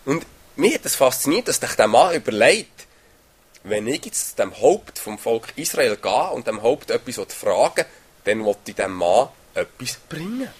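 A man's voice: mid-range voice, big pitch swings, moderate pace, breathy edge. A man preaching a sermon on a Bible passage, talking conversationally and often tagging phrases with a questioning "oder?".

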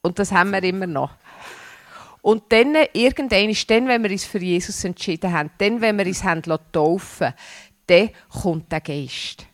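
A woman giving an informal devotional talk to a church group, earnest and unhurried, sometimes stopping to restart a word. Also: medium pitch, no echo, clean studio sound.

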